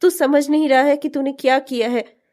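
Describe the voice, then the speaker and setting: A woman's voice: sits high, steady tone, normal speed, a little mellow, natural voice. A woman voicing a conscience-stricken young male friend in a cartoon, earnest and scolding. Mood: guilty. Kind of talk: cartoon voice acting.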